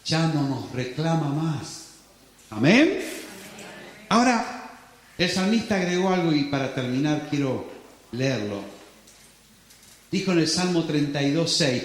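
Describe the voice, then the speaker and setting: A man preaching a sermon as pastor, impassioned, moving between soft passages and loud ones. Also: a little high. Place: church hall. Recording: echoey church room.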